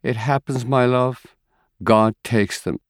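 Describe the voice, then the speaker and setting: A man voicing a kind, motherly middle-aged neighbour woman who speaks gently. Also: medium pitch, fairly even intonation, slow, no room sound, studio quality, pitched above the performer's own voice, lightly acted. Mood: soothing. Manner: soothing, gentle.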